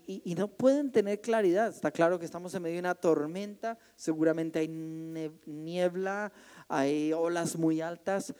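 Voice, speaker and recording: Male pastor, animated sermon delivery, mellow tone, echoing church hall. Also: high-pitched. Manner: animated preaching, acts out frightened cries. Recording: long hall reverb.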